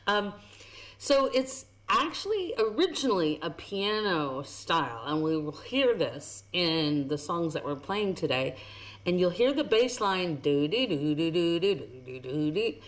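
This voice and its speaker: A woman guest on a radio show, lively and explanatory as she talks through music, chuckling now and then. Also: fairly low pitch, unhurried. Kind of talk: radio chat. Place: radio studio.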